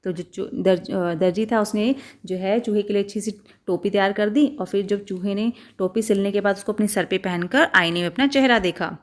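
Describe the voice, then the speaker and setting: A woman's voice: mid-range voice, moderate pace, few pauses. Woman teacher reading and explaining a story. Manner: reads, then retells each part in simple chatty words.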